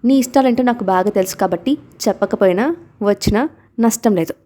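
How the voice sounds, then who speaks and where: A calm, loving young father from a storybook, gentle and a little teasing, as a woman reader voices him. The tone is warm and mellow, in an everyday reading voice. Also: mid-range voice, brisk, close to an everyday voice.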